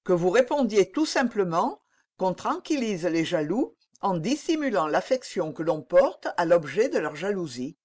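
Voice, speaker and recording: A woman's voice: fairly low pitch, sing-song, moderate pace, darkish tone. A woman reading the part of a young king, lovesick and pleading, in an impassioned, exclaiming manner for an audiobook.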